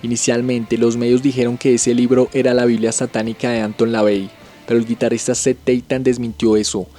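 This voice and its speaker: A man giving a scripted documentary narration as a channel host, in an even, measured storytelling delivery. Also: medium pitch, soft background music.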